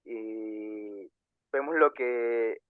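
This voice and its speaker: A young man co-hosting a casual podcast, earnest and halting, with many fillers and restarts. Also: fairly low pitch, clean tone, dry recording. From Panama. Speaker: podcast co-host. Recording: tinny phone-like sound.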